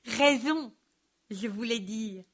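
A woman doing Joligrain, a bright curious little grape. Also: fairly high pitch, slow pace. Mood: amazed. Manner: wide-eyed, playful, joking.

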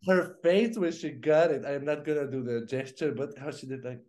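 On a relaxed video call, an animated male co-host speaks in a fairly high pitch. He fires off short, quick bursts with plenty of fillers and laughing, surrounded by plants in his home room.

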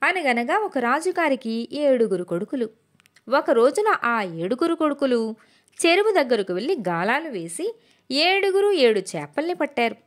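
Woman narrator for children's folk tale, high and lively, sing-song. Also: normal speed. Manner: expressive, sing-song storytelling. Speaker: storyteller.

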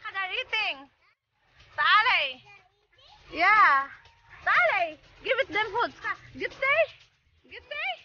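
Soft-spoken woman coaxing a child outdoors. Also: extremely high pitch, expressive, takes it slowly, pauses often, muffled recording, very noisy. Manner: gentle, repetitive coaxing, mixes in words from other languages. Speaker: vlogger and parent. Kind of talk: coaxing a small child at an animal farm. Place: outdoor animal farm. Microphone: handheld phone filming.

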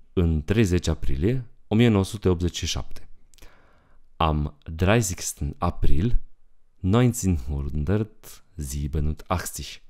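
Very deep, slow-spoken male language teacher. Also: darkish tone. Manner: slow, repeats each phrase twice. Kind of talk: bilingual language lesson.

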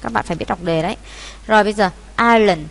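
A woman's voice: medium pitch, fast talker, gravelly, slight background noise. A woman from Vietnam teaches a class of students through an exam paper, step by step. She speaks in a mid-range voice and patiently goes back over the key points for them. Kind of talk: exam walkthrough lesson.

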